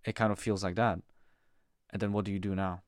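This is a young man from the Czech Republic with a notably low voice, speaking as a podcast guest. He talks casually and hesitantly, padding his sentences with fillers. The sound is dry and close. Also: little pitch movement, brisk, dry recording. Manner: hesitant, full of fillers and restarts. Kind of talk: casual personal conversation.

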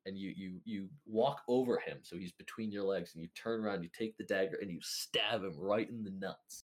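A young man narrating a tabletop game as game master, in a casual, halting way with many restarts. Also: deep voice.

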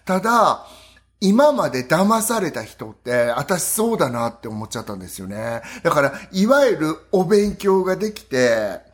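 A woman's voice: sits low, sing-song, normal speed. A woman in her fifties a touch of dialect, chatting casually as a podcast co-host in a rambling, colloquial way. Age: 50s. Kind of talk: casual chat.

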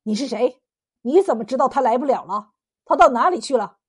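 A woman's voice: high voice, takes it slowly, pitched above the performer's own voice, heavily acted. A woman voicing an eager, lovesick young scholar. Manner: excited and anxious questioning.

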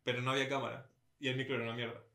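A man's voice: medium pitch, flat delivery, racing, bright, forceful tone, echoey room. A young man co-hosting a casual podcast chat, joking and rambling as he goes. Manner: jokey, rambling, laughs often. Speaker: podcast co-host.

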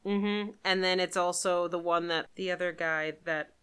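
A woman's voice: on the low side, fairly even intonation, normal speed, fairly bright tone, clean tone. A woman co-hosting a podcast in casual chat, talkative, laughing often and trailing off mid-sentence. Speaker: podcast co-host.

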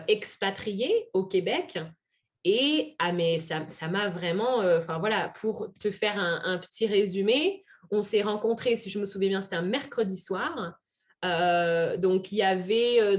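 A woman from France with a French accent touched by Québécois, an earnest podcast guest who talks with many fillers and restarts. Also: medium pitch. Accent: French, picked up some Québécois. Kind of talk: casual podcast interview.

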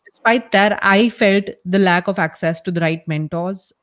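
A woman speaks with a North Indian accent in a conversational interview. She explains her thinking emphatically, often restating a point in parallel phrases. Her voice sits at a middling pitch. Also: moderate pace, fairly bright tone. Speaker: startup founder, interview guest.

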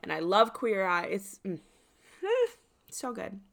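A woman's voice: medium pitch, huge pitch swings, slow pace, a bit bright. A young woman co-hosting a casual podcast chat, gushing and emphatic about the shows she loves. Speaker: podcast co-host.

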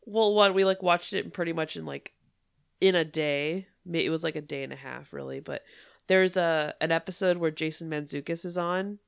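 A woman with a fairly low, clear voice chats casually as a podcast host. She is stuffed up with a cold, giggly and loose in her talk. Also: normal speed. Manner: giggly, frequent filler "like". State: congested with a cold, blocked nose.

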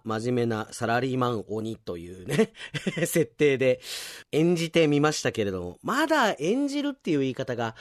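A man with a medium-pitched voice hosts a radio show, chatting casually, making self-deprecating asides, and reading mail from listeners. He is a radio announcer and drama show host. The studio-quality recording has no echo and a music bed under his voice.

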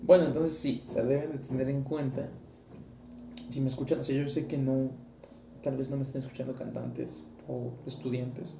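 A man's voice: medium pitch, little pitch movement, normal speed, gravelly, dark tone. A young man with a Mexican accent, chatting hesitantly on his own podcast as a singing student, with lots of fillers. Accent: Mexican Spanish. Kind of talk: casual solo podcast talk. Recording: echoey room with faint background noise.

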